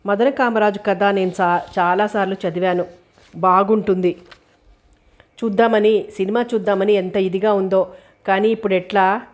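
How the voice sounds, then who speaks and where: A woman voicing a young pregnant wife who speaks gently and worriedly. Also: medium pitch, steady tone, normal speed, natural voice. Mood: wistful.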